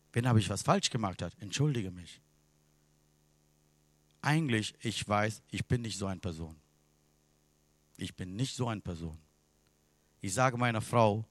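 A man preaching a sermon in non-native German with grammar slips, swinging from loud, impassioned passages to hushed ones. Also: medium pitch, dry recording. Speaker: pastor. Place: church service.

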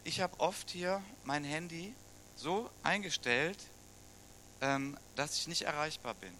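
Middle-aged German pastor, man, chatty sermon full of questions; bright, slightly high voice. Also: takes it slowly, slight background noise. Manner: conversational, asks the congregation questions.

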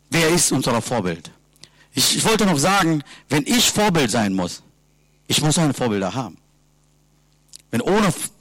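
A man preaching a sermon in simple, halting sentences, earnestly asking his listeners question after question. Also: on the high side, fairly bright tone, no room sound. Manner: earnest, asks repeated rhetorical questions. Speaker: lay preacher.

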